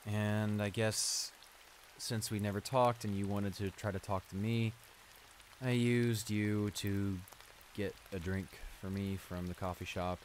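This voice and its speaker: Against a backdrop of steady rain, a man with a fairly low, lightly acted voice improvises an intimate audio roleplay as a shy, flustered school bully. Speaking a little slowly, he stammers and hesitates, sheepish and apologetic as he says sorry and grows embarrassed.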